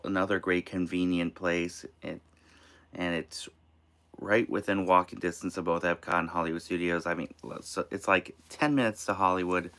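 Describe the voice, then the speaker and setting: An American man from Maine hosting a casual live stream of tips from inside an RV, halting and restarting his phrases. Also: low-pitched, sharp tone, clean tone. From Maine, United States. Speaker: host of a live show.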